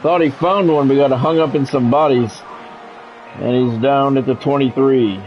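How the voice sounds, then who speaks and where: A man of medium pitch, steady in tone and normal in speed, gives live play-by-play over a football video game. His calls are short announcer phrases with candid asides, and the dull, lo-fi recording carries faint background noise.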